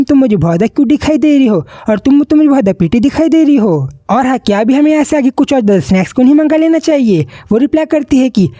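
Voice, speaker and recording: Recap narrator: woman, Hindi accent, races through the plot, mellow tone, dry close sound. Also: a little high, no echo. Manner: rapid storytelling with mixed English words and repeated "कि" links. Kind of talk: fast retelling of a comic story.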